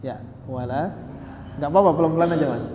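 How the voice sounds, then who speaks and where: A man teaching Quran recitation, patiently correcting students and modelling sounds slowly. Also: a little high, background noise. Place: mosque hall. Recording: roomy, echoey mosque hall.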